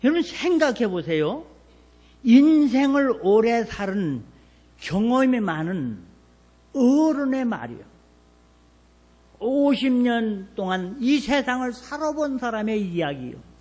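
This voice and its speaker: Older male pastor, high voice, lively revival preaching with rhetorical questions. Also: slow pace, pauses often. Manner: folksy storytelling with rhetorical questions to the congregation. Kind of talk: revival sermon.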